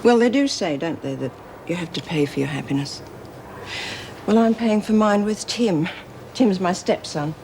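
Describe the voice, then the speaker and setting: A woman's voice: on the low side, expressive, moderate pace, noisy background. An actress playing a resigned, self-sacrificing woman prisoner, hesitant and restrained, in a television drama. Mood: resigned, pained.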